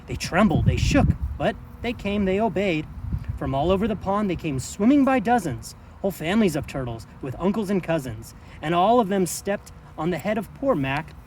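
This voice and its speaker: A man reading a rhyming children's story aloud outdoors with lively, expressive delivery. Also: high-pitched, moderate pace, slight background noise, low-quality recording. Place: outdoors at a zoo.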